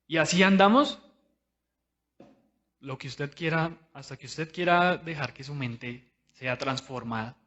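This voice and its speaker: A man delivers a sermon in a personal, conversational way, turning often to speak straight to his listeners. His voice sits a little high for a man. The recording is dull and lo-fi, with the top end muffled. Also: a little slow, fairly bright tone. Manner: conversational, personal preaching, addressing listeners directly. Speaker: preacher.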